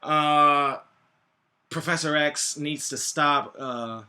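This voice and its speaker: Bright, forceful man rambling profanely. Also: fairly high pitch. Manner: profane, slangy, blunt; halting, groping for words with many false starts. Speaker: movie reviewer. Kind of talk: casual, rambling movie review.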